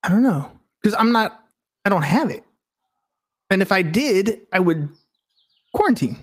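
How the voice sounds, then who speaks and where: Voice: mid-range voice, very animated, a little slow, slightly rough. A speaker in a casual debate who talks hesitantly, asking questions and often restarting sentences. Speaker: conversation partner.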